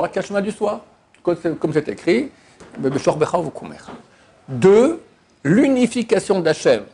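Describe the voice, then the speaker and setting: Emphatic rabbi, fairly high voice. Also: male voice, darkish tone, slightly rough. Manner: emphatic, repeats Hebrew words to stress the syllable; stumbles and restarts often. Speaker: rabbi teaching a class. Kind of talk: religious lesson.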